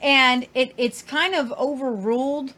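A woman's voice: high-pitched, fairly even intonation, unhurried, sharp tone. A woman hosting a podcast, giving casual commentary on viral videos. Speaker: podcast host.

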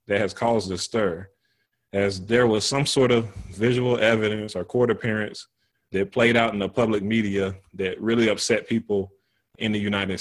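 A man with a lowish voice opens a church panel discussion. He speaks in an earnest, measured way as he introduces the topic and his guests. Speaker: panel host.

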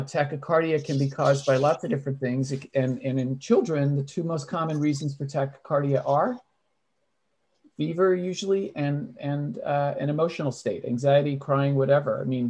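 A man's voice: medium pitch, darkish tone. A man moderating an online medical case discussion, explaining points in a teaching tone and putting questions to the other panelists.

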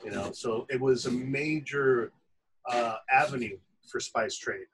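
A man with a slightly husky voice, a restaurant owner being interviewed, explaining things with enthusiasm for food. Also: medium pitch, unhurried, background noise.

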